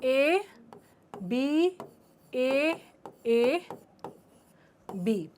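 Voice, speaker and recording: A woman teacher with an Indian accent explaining a poem in a lesson, mixing Hindi and English, checking often that students follow, and reading lines slowly. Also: high-pitched, sing-song, a little mellow, a little hiss or hum.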